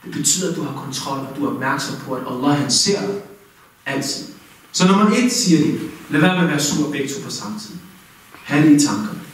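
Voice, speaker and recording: A man teaches in a mosque in a lively, direct manner and puts questions to his listeners. His voice sits fairly high. The recording is very echoey and picked up from far off in the hall. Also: a little hiss or hum. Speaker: Islamic teacher. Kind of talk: mosque talk.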